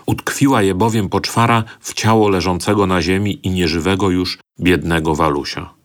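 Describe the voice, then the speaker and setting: A man narrating a folk tale for an audiobook in a measured, solemn storytelling manner. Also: low voice, fairly even intonation.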